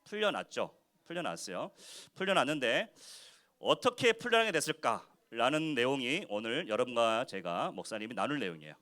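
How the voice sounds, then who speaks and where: A male pastor leads a children's worship sermon, his voice swinging widely up and down in pitch. He talks in an animated way, keeps firing questions at the kids, and acts out other people's lines in quick little voices. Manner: acts out quoted speech in short voices. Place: church worship service for children.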